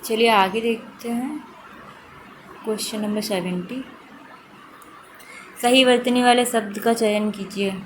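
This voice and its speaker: Here a female teacher with a fairly high-pitched voice takes her time and pauses frequently. Her lesson covers exam questions, which she explains patiently and steadily, repeating correct forms to drive them home. Background noise suggests a home-style recording.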